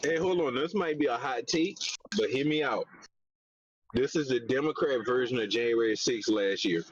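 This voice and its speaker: A man's voice: mid-range voice, moderate pace, no room sound. A man in a casual podcast chat, opinionated and offering hot takes. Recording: dry, muffled recording.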